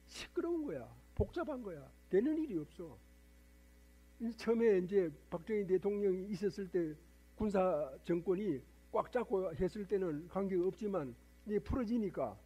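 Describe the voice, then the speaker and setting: A man's voice: high-pitched, breathy edge, muffled recording. An older man, a Buddhist monk, preaching a sermon to a temple congregation, lecturing and firing rhetorical questions at his listeners.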